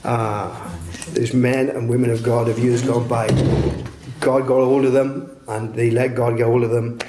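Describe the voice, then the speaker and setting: A man's voice: medium pitch, level tone, normal speed, noisy background. A man leading a church Bible study, preaching with chatty, self-mocking asides. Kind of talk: sermon. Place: church hall. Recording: echoey church room.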